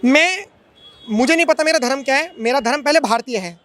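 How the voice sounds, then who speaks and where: A man works a street crowd as interviewer, firing insistent, pressing questions. His voice sits very high and moves quickly. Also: fairly bright tone. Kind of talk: street vox-pop interview.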